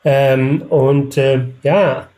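A man's voice: medium pitch, fairly even intonation, drawn-out words, mellow. A man calling in as a regular of a podcast, chatting casually and hesitantly with many fillers. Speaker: regular on the podcast, phoned-in guest. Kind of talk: casual chat over a call.

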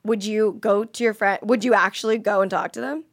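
A woman's voice: medium pitch, fairly even intonation, dry recording, studio quality. Chatty young woman hosting a podcast. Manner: chatty, laughs often, quick asides. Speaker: podcast host. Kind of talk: casual chat.

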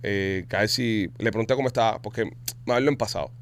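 Fast-talking man hosting a podcast. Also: fairly low pitch. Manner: rapid, animated storytelling with Spanish slang. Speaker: podcast host. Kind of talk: casual podcast chat.

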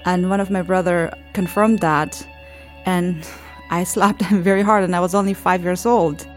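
A woman's voice: fairly low pitch, fairly even intonation, normal speed, soft background music. A woman, telling her story in a documentary interview in an earnest, reflective way. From Afghanistan. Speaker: interviewee, former Olympic judoka.

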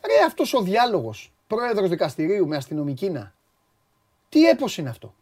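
A man's voice: high voice, huge pitch swings, a little mellow. A man hosting a sports radio show, chatting casually and animatedly, often exclaiming and acting out quotes.

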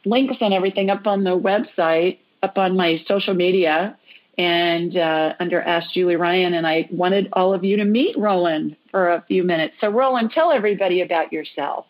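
A chatty woman hosting a call-in podcast with a lowish voice. She keeps things upbeat with quick asides. The audio is a little dull and lo-fi. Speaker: podcast host. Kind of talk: casual chat.

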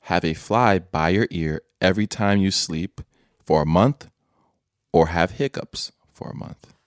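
Man, low voice, podcast co-host, laid-back, laughs easily, dry recording. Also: measured pace, no room sound. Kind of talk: casual podcast chat.

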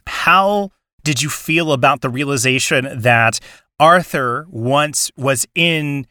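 A man's voice: medium pitch, slow pace, bright, forceful tone, no room sound, studio quality. A man hosting a casual podcast discussion, talking enthusiastically in rambling bursts with frequent restarts. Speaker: podcast host.

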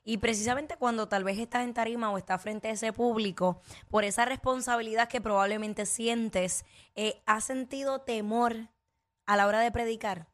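A woman's voice: a little high, steady tone, moderate pace, a bit bright. A woman co-hosting a radio interview, who asks questions and backs the talk with short interjections. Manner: brief affirming interjections. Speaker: radio co-host.

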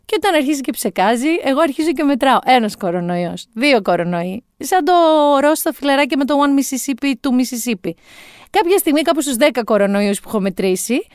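Forties woman, comic monologue, self-mocking, smooth and a touch high. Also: lively intonation, no echo, studio quality. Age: 40s. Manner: wry, self-mocking storytelling. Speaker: storyteller.

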